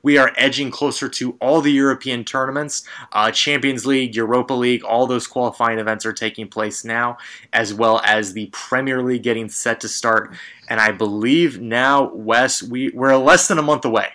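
A man with a bright, forward voice hosts a casual sports podcast. He rambles enthusiastically, circling back on his words and laughing easily. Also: mid-range voice, fairly even intonation, normal speed. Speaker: podcast host.

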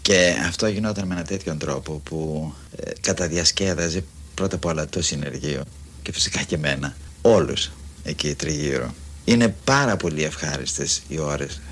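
Man with a very deep voice reminiscing. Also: a bit bright, a little hiss or hum. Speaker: interviewee, colleague. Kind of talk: reminiscing interview.

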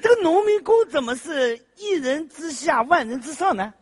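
An actor playing a nosy train passenger in a stage comedy sketch who keeps asking one question after another. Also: male voice, very high voice, lively intonation, moderate pace. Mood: curious. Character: nosy, overly curious male train passenger.

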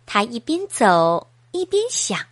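A woman reading a bedtime story aloud to a child in a slow, sing-song, animated way. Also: fairly high pitch, no echo, clean studio sound.

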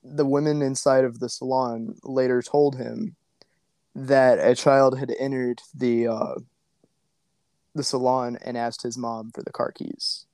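A man's voice: mid-range voice, little pitch movement, a little slow, a little mellow, no echo. Laid-back joking man telling a story. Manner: laughs often, wry and joking. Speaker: podcast host. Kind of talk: casual chat, storytelling.

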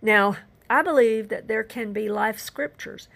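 A woman's voice: on the high side, unhurried, vocal fry, a bit bright. An older woman preaching a Bible teaching, earnest and emphatic, with rhetorical questions.

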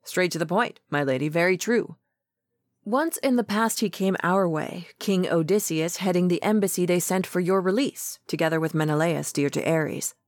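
Shrewd elder counselor, deliberate, as an audiobook reader puts him on. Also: female voice, fairly low pitch, no echo, studio quality, lightly acted. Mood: measured. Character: shrewd old male counselor, measured.

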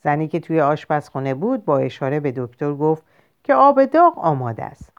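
Expressive woman reading a story aloud. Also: low-pitched. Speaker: audiobook narrator. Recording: lo-fi muffled recording.

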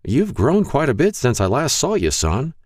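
A man voicing a frail, kindly old male shopkeeper who turns out to be a ghost, talking in a gentle, folksy way. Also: mid-range voice, huge pitch swings, moderate pace, no room sound, clean studio sound, pitched above the performer's own voice.

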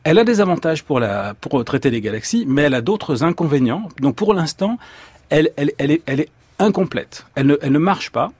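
A man's voice: on the high side, big pitch swings, a little fast, darkish tone, husky, dry recording. A man, an astrophysicist guest on a radio talk show, explaining with playful stories and many restarts. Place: radio studio.

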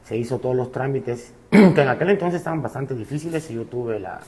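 Relaxed Cuban man telling his story. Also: medium pitch, brisk. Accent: Cuban Spanish. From Cuba. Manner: relaxed storyteller, many fillers. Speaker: musician guest.

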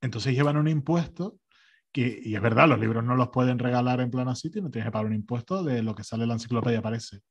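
A man telling a story in a casual chat, ironic and animated, acting out the other voices. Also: mid-range voice, fast.

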